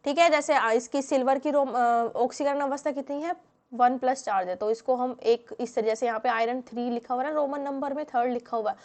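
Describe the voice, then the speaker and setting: High-voiced woman teaching chemistry. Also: brisk. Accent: Hindi-English mix. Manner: explains step by step with many fillers and rhetorical questions. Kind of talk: classroom lecture.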